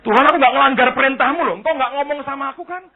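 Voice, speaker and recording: A man voicing a sly male devil who plays innocent with low, mumbled excuses in a sermon story. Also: sing-song, fast talker, exaggerated voice. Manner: mumbling, lowered, evasive excuses. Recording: tinny phone-like, husky.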